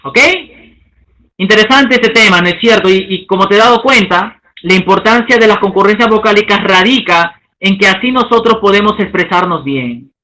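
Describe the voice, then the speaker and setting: A man teaching a lesson, stretching out example words slowly and checking in with the class. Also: high voice, bright, forceful tone, poor audio. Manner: slow, drawn-out spelling of example words; checks in with listeners, asking okay.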